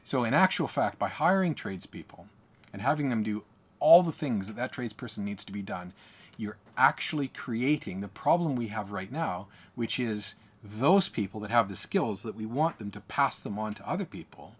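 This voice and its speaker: Australian guy, husky voice, preachy and emphatic, coaching business owners. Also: on the low side, animated, moderate pace. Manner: emphatic, repetitive, lecturing. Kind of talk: speaking to camera.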